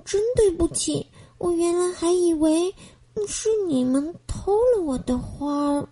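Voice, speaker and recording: A woman voicing Mabel, a possessive little girl gardener in a children's storybook, in a high childlike voice. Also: unhurried, warm tone. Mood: gentle.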